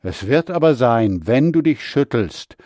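A man voicing an old blind father who blesses his son in a solemn, measured scripture reading. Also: medium pitch, animated, darkish tone, no echo, studio quality, close to an everyday voice.

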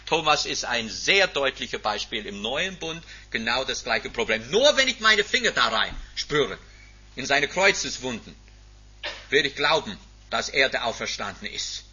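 A man preaching a sermon, emphatic, swinging from loud stresses to near-whispers. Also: mid-range voice, sing-song, measured pace, breathy edge. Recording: dull lo-fi recording.

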